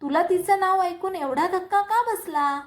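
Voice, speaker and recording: A woman's voice: very high voice, moderate pace, pitched above the performer's own voice. A woman voicing Aryan, a shaken young man in a read-aloud story, asking earnest questions.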